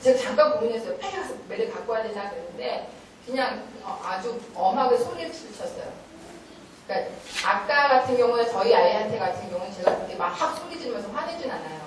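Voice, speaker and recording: A middle-aged woman giving a lively talk at a church parenting meeting, telling stories and acting out stern scolding. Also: on the high side, fast talker, a crowd in the background. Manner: animated storytelling, acting out stern scolding, often laughing. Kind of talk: lecture-style talk with acted quotes. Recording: echoey hall, voice from far off.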